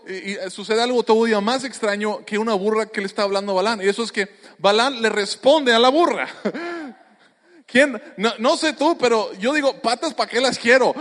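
A man tells a scripture story in a sermon, lively and joking, restarting his phrases often. His voice sits high. A long reverb from the hall trails after him. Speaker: preacher.

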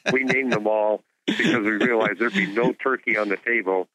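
A man speaking as a guest expert in an interview, explaining science in a measured, didactic way over a narrow phone-like connection. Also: on the low side, pushed and bright, no echo. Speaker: guest expert, astronomer and author. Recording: phone-like narrow-band radio call.

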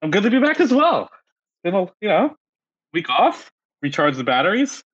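Man, podcast co-host, lively up-and-down delivery, dry slightly muffled sound. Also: high-pitched, moderate pace, husky, no room sound, soft background music. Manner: animated, rambling with many fillers. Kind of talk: casual podcast chat.

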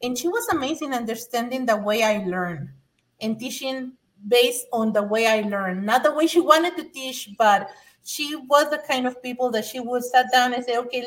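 Recorded roughly and far from the microphone, this former adult learner, a middle-aged woman from Mexico, recounts her experience in conversation on a podcast. Her voice is a little high and her speed normal, and she speaks earnestly and emphatically, repeating words as she restarts.

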